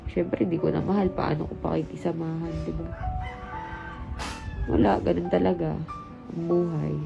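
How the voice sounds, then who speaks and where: A woman's voice: lowish voice, flat delivery, normal speed, vocal fry, highs cut off, music in the background. A woman with a Filipino accent vlogging casually, chatty and talking straight to her viewers, sounding stuffy from the flu. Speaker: vlogger and mother. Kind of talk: casual vlog chat.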